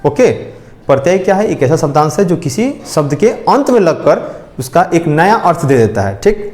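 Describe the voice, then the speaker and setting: A man's voice: fairly high pitch, sing-song, normal speed, darkish tone, echoey room. A male teacher giving a lesson, often repeating points and asking questions to check understanding. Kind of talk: classroom lecture.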